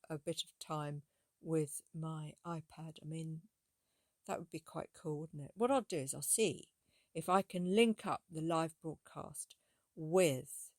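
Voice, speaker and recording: Here a middle-aged music teacher runs her own casual podcast alone, rambling and restarting with lots of fillers as her voice wears out. She speaks low, and the sound is dry and studio-grade.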